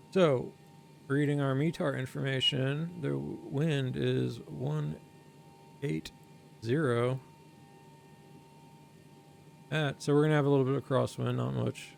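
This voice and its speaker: A man streams a flight simulator, casually narrating each step as he thinks aloud and reads numbers out slowly and carefully. His medium-pitched voice is gravelly and a bit mellow, with a little hiss or hum in the audio.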